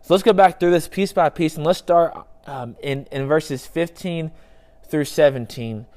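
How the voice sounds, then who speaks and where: A man's voice: a little high, unhurried, darkish tone. A young man preaching a sermon in an earnest, conversational way, repeating phrases for emphasis. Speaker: pastor.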